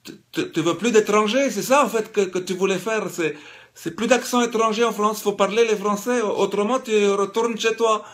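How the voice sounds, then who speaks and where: Man doing a mocking put-on accent, pitched well above his own voice, sarcastic, exaggerated. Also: moderate pace, a bit bright.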